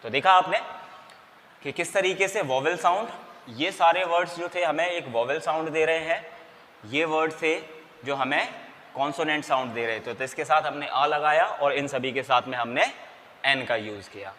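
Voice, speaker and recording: A man's voice: a little high, moderate pace, pushed and bright. A man teaching an English grammar lesson in Hindi, asking and answering his own questions and spelling out letters. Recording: long reverb, faint background noise.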